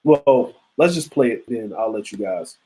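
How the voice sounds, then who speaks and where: A man's voice: fairly low pitch, expressive, moderate pace, warm tone, low-quality recording. Laid-back man in his forties chatting live. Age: 40s. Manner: loose and conversational, street slang, frequent asides to chat. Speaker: show host. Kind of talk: casual live-stream commentary.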